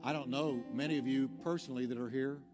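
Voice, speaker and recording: A man's voice: mid-range voice, steady tone, fast. A man preaching a sermon as a pastor, earnest and exhorting, driving his points home in short, emphatic, repeated phrases. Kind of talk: sermon with altar call. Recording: long hall reverb, music behind.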